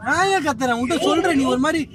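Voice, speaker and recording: A man's voice: very high voice, very fast, a loud crowd. A young man, a husband filming a prank vlog while driving, scolding and then coaxing in a casual, irritated way. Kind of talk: casual car chat, staged prank. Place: inside a car while driving. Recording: distant mic, loud music bed.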